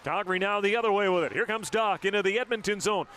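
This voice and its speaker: A man's voice: high voice, fast talker, a bit bright. A man doing live hockey play-by-play on a broadcast mic, rattling off each pass and shot in short, clipped calls. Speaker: play-by-play announcer.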